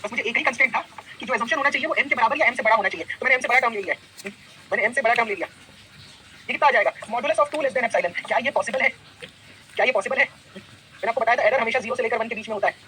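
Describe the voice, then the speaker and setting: Male math lecturer, quick bright delivery, quizzes the class, faint hiss behind. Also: very high-pitched, poor audio. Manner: lively, quizzing students with repeated questions. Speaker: math teacher. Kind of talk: classroom lecture, mixing Hindi and English.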